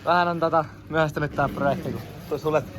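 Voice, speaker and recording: A man's voice: fairly high pitch, fairly even intonation, noisy background. A young man casually narrating a garage vlog, joking and swearing as he works. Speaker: vlogger. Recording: music playing loudly in the garage. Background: loud music playing.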